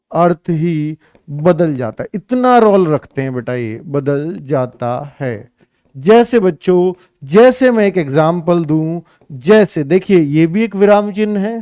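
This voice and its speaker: A male Hindi teacher giving an exam-prep lesson, explaining slowly and repeating phrases as he addresses his students. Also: high voice, darkish tone, smooth, no room sound, studio quality.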